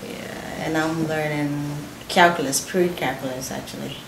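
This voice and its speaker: Teen girl, low voice, student in an interview, earnest and plain; echoey room with noise. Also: fairly even intonation, a little slow, vocal fry. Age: teenager. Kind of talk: interview answers.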